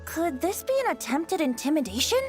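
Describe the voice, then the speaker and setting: A woman voicing a kind, polite young woman companion in a game cutscene, gentle in manner. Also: sits high, very animated, fairly quick. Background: game music.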